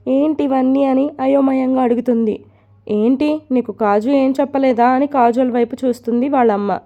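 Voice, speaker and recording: A woman narrating a romantic story with a steady, expressive reading. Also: high-pitched, fairly quick, dull audio.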